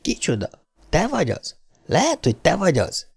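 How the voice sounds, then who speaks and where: A man's voice: mid-range voice, fairly even intonation, gravelly, soft background music, lightly acted. A man reading a shaken, bitter woman's inner voice. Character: bruised, frightened middle-aged woman talking to herself. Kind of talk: audiobook character voice.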